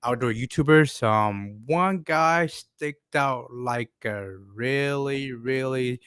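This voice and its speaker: Smooth-voiced man hosting a livestream. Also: medium pitch, fairly bright tone, no room sound, studio quality. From Alaska. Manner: halting, many fillers and restarts. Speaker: livestream host. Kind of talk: casual livestream chat.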